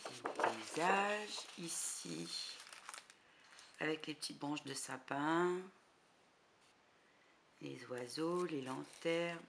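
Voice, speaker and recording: A woman's voice: sits low, expressive, very slow, gravelly, pauses often. A woman chatting casually through a craft haul, hesitant, with many fillers. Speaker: crafting vlogger. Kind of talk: casual haul video chat. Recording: noisy background hiss.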